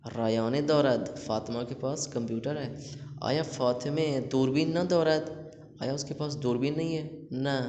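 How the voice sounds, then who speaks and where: A man's voice: mid-range voice, darkish tone. A man teaching a recorded language lecture, explaining and translating each example. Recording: echoey room with long reverb.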